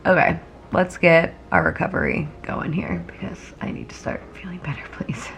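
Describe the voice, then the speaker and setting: A young woman chatting casually to viewers in a home vlog, sounding hungover, tired and low on energy, with a gravelly creak in her voice. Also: normal speed, a bit bright, slight background noise. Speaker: vlogger. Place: at home indoors.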